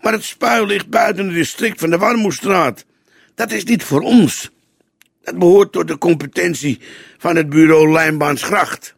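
A man's voice: high voice, sing-song, a little slow, creaky, a bit bright, slightly rough, dry recording, clean studio sound, voice pushed up, heavily acted. A man voicing a young male police detective who keeps questioning and protesting in a raised voice. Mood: incredulous.

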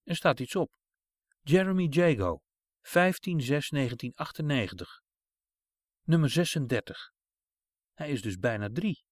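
A gentle, caring woman from a storybook speaks softly and coaxingly, as a male reader puts her on. Her voice sits high and moves lively in pitch, and the sound is dry and close. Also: measured pace, long pauses, no echo. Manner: soft, soothing, coaxing.

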